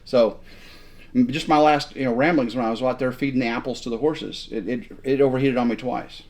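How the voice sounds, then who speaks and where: A man in his fifties co-hosts a casual chat at home, his mid-range, darkish voice steady and a little fast. He jokes and rambles, stammering as he repeats words.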